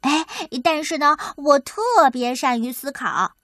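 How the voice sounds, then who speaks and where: A woman's voice: high voice, expressive, measured pace, pushed and bright, no room sound, clean studio sound, heavily acted. A woman voicing a cheerful, thoughtful little male mouse who talks eagerly.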